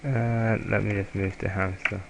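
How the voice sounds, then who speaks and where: Slow, gravelly man with a German accent. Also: on the low side, flat delivery, background noise. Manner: halting, self-correcting, hesitant. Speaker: student presenter. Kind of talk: screen-recorded software tutorial.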